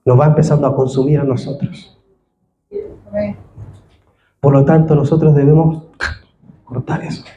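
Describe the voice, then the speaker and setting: Earnest high-voiced pastor preaching. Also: male voice, little pitch movement, moderate pace, pauses often, warm tone, dull audio, slight background noise. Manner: earnest, rising to fervent appeals. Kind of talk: sermon. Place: church hall. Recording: echoey church hall.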